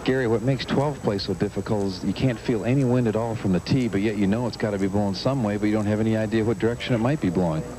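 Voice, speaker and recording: A man gives golf commentary as an on-course analyst. His voice sits fairly low and his delivery is plain and conversational, with clear outdoor noise behind him. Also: quick pace, few pauses. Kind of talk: explanatory sports commentary.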